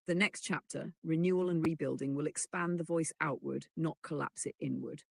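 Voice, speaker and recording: Text-to-speech narrator for a chatbot answer, husky and gravelly, measured explainer read, dry close sound. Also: mid-range voice, no room sound. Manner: measured, even explanatory delivery that reads punctuation aloud. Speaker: AI assistant reply read aloud. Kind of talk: synthetic voice reading a chatbot answer.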